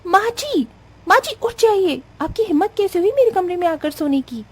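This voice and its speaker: A woman voicing a selfish, spoiled rich young wife who talks in a shrill, demanding way in a cartoon. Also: lively intonation, normal speed, darkish tone. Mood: angry.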